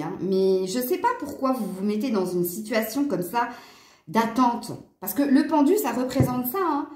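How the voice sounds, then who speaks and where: A woman's voice: a little high, darkish tone, echoey room. A woman with a southern French accent giving a casual tarot reading to her viewers, chatty and rambling. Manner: chatty and rambling, with frequent fillers and asides. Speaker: tarot card reader.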